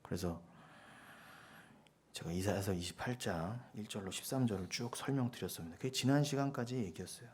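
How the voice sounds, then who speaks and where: Emphatic Korean pastor preaching. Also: male voice, on the low side, a little fast, slight background noise. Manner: emphatic, swings from loud rhetorical questions to hushed asides. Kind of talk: sermon.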